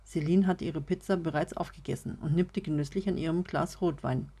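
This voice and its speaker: A woman reading a story aloud as narrator, in a steady, measured way. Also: low-pitched, breathy edge. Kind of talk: audiobook reading.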